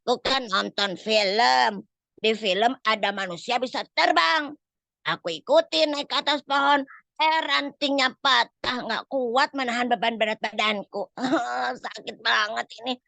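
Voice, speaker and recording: A woman's voice: a little high, a little slow, sharp tone, dry recording, full character voice. A woman voicing a lazy, teasing boy in a storytelling session for children, cheeky and whiny. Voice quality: gravelly. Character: naughty, lazy boy who teases others.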